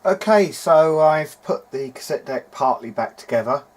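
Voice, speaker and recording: This man's voice sits on the high side, with lively intonation at normal speed and a little hiss or hum in the recording. A vintage hi-fi hobbyist narrating his own repair video, he talks casually through the hands-on work in diary style, hesitantly, half muttering to himself.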